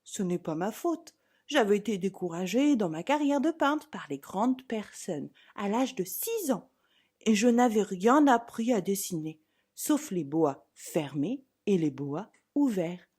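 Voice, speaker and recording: A woman narrating a storybook as a theatrical, dramatic reading, with emphatic phrasing and a husky voice. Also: medium pitch, very animated, a little slow, darkish tone.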